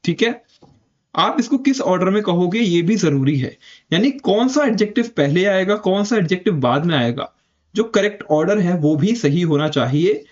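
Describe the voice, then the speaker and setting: Indian male teacher, high voice, slow on examples, repeats points, muffled lo-fi audio. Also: expressive, a little mellow. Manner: explains step by step, repeats key points, slows down to spell out English examples. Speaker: English teacher. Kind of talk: spoken grammar lesson.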